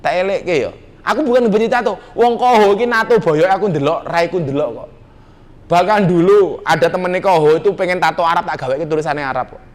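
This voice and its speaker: A middle-aged man with a Javanese accent, preaching in a teasing, jokey way to a nightclub crowd. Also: fairly high pitch. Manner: teasing, jokey, mixes Javanese slang into his talk. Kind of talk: joking sermon to a nightclub crowd. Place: nightclub hall with a live audience.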